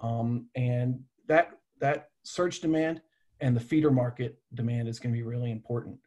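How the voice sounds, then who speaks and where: A man's voice: mid-range voice, fairly even intonation, normal speed, a little mellow. A man in his thirties presenting travel data on a webinar video call from a home office, casual and full of fillers and restarts.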